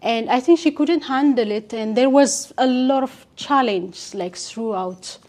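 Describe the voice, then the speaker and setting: A young woman from Ethiopia, telling her life story as an interview guest in a halting way with many pauses and fillers. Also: fairly high pitch, a little mellow.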